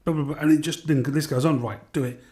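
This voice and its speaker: A man, an aid worker, explaining his work in an interview in a practical, steady way. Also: fairly high pitch, quick pace. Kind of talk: interview reflection.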